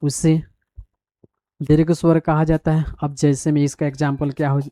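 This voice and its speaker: A male teacher giving a school grammar lesson, dictating definitions slowly word by word as he writes them down and asking the class questions along the way. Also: on the high side, flat delivery, mellow, no room sound. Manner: repeats definitions and quizzes the class.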